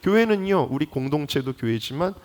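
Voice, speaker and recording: A man's voice: on the high side, expressive, a little fast, darkish tone. A male pastor delivering a dawn sermon in a church sanctuary. He speaks with passion, asks the congregation rhetorical questions and builds to emphatic peaks. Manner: impassioned, rising to emphatic peaks.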